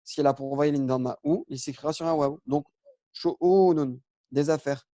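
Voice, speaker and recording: A man teaching a relaxed lesson, patient and step by step, with frequent fillers and self-corrections. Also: a little high, normal speed, dry recording, clean studio sound. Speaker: Arabic teacher. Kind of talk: casual lesson on Arabic spelling.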